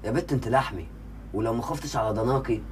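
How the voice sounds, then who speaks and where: An actor with an Egyptian accent playing a bossy, scheming young crook. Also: male voice, medium pitch, very fast, a little hiss or hum, natural voice. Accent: Egyptian Arabic.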